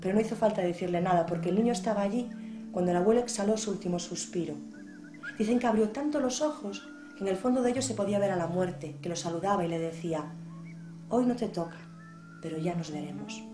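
A woman from Portugal telling a folk tale aloud in a lively, dramatic way. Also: mid-range voice, quick pace, over music. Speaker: storyteller. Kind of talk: oral storytelling. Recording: echoey room.

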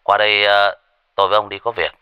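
A man voicing a calm ghost-hunting master who talks in a plain, offhand way. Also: fairly low pitch, quick pace, smooth, no room sound.

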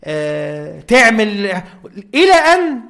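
A man's voice: high voice, sing-song, takes it slowly, vocal fry, fairly bright tone. A man with an Egyptian accent giving an informal religious lecture, checking in with his listeners often. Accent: Egyptian Arabic.

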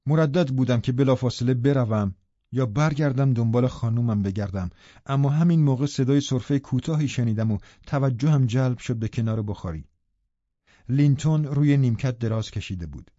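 A man reading a classic novel aloud as an audiobook narrator, slow and measured. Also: medium pitch, warm tone, no echo. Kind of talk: scripted narration. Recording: dry, slightly dull home recording.

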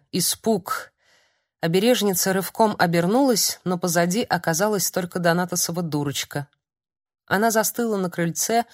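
A woman narrating a fantasy audiobook in a steady storytelling manner. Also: medium pitch, dry recording, studio quality.

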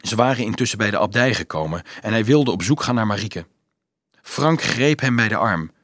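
A man narrating a storybook aloud in an expressive, animated reading. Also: lowish voice, normal speed, no room sound, studio quality. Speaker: audiobook narrator.

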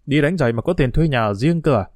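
A gruff grown-up neighbor as a man voices him, firing off curt, prying questions at a mid pitch. The recording is dry and close, with no room sound, in a storybook reading. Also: animated, fast talker, darkish tone, dry recording, lightly acted. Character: gruff adult neighbor, rickshaw puller.

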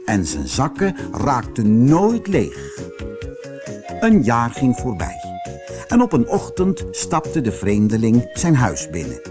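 A man reading a fairy tale audiobook as narrator, slow and very expressive. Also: mid-range voice, music in the background.

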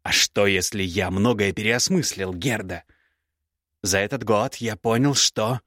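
Rich: A young male mage, as the reader plays him, self-assured yet pleading, his voice sitting low and plain. The sound is dry and close. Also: unhurried, fairly bright tone, no room sound. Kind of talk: audiobook character voice.

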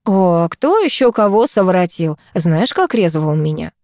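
A woman reading an audiobook, voicing a flamboyant, unruffled male photographer in a slow, high, drawn-out way. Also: sing-song, a little mellow, no room sound, clean studio sound. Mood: languid, teasing.

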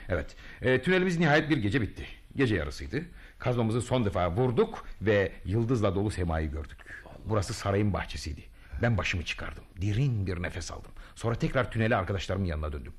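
A man's voice: on the low side, breathy edge. A man acting a vain, boastful would-be freedom hero in a radio drama, telling his deeds grandly and muttering to himself. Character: boastful self-styled male freedom hero, pompous, vain.

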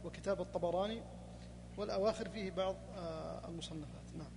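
Quick high-voiced sheikh explaining. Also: male voice, vocal fry, a little mellow. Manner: brief explanatory asides, trailing off at times. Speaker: sheikh commenting on the reading. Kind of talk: teaching commentary. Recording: echoey hall with audible hum.

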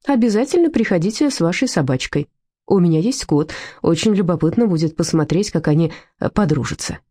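A woman's voice: fairly low pitch, expressive, a little fast, warm tone, slightly rough, no room sound, studio quality. A woman reading a storybook aloud, voicing an eager, fussy man flustered by a woman he fancies. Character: eager fussy middle-aged man, smitten.

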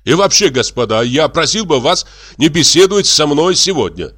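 A man's voice: fairly high pitch, expressive, normal speed, fairly bright tone, pitched above the performer's own voice. A man voicing an irritable country doctor who complains that he does not want to go.

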